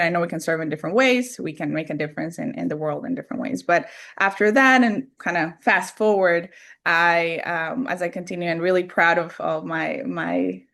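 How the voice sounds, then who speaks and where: A woman's voice: fairly low pitch, fairly bright tone. A woman from Colombia speaking as a panel guest, earnest, with many fillers and restarts. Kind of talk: panel discussion.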